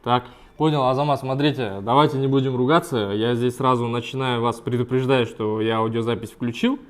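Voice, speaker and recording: Fast-talking male lawyer, matter-of-fact. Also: mid-range voice, fairly even intonation. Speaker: lawyer and host of an advice video. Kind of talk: explanatory talk and calm negotiation.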